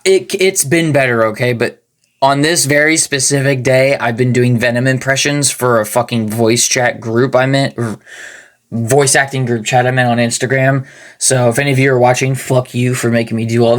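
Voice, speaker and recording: A man talking casually through a toy-building walkthrough, rambling and swearing now and then, with a slightly gravelly voice. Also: medium pitch, steady tone, normal speed. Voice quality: a little gravelly. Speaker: hobby toy-building channel host. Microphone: plugged-in microphone.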